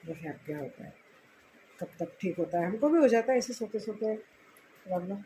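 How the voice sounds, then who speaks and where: Woman vlogger at home, casual and chatty, mid-pitched voice, light noise behind, phone-recorded. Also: lively intonation, fairly quick, poor audio. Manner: chatty, homely storytelling, gets loud and high when fussing over the injured child.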